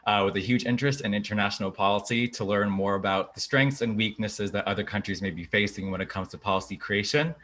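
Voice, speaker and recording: A man's voice: fairly low pitch, fast talker, few pauses, a bit bright, a little hiss or hum. A man in his twenties from Latvia, a native Latvian speaker, giving a prepared self-introduction as a candidate over a video call, earnest with filler "uh"s. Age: 20s. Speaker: candidate for student government post.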